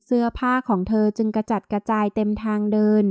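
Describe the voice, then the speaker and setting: A woman narrating a scripted first-person story in an even, steady reading voice. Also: mid-range voice, a little fast, smooth, dry recording, clean studio sound.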